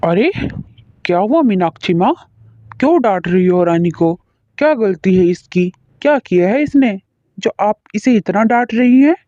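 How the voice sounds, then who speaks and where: A woman voicing a kind older brother who calmly pleads for his sister. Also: medium pitch, normal speed, no echo, muffled recording, pitched below the performer's own voice, close to an everyday voice. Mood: protective. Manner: calm, pleading.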